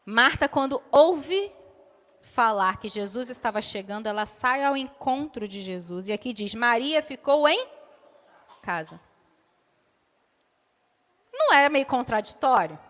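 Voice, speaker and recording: A woman delivers a sermon in a church, her high voice carrying a long reverb through the hall. She tells the story with animation and acts out the dialogue of its figures. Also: very animated, unhurried, long pauses, a bit bright. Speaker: preacher.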